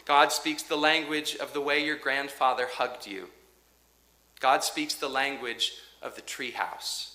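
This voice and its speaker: A man preaching a sermon as pastor, in a measured, rhythmic way with dramatic pauses and quiet drops. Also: mid-range voice, steady tone. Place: church sanctuary. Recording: echoey church sanctuary.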